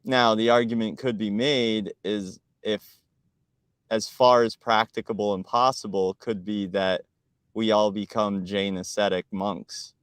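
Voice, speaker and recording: A man's voice: on the low side, fairly even intonation, a little slow, clear, resonant tone, no room sound. A man co-hosting a live stream, chatting casually, talkative and argumentative, often laughing and restarting his words.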